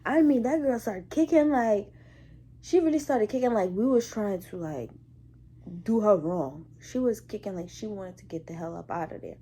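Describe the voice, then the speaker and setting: Animated young woman telling a story. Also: medium pitch, normal speed, slightly rough. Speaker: hospital care worker. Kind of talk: casual story-time vlog.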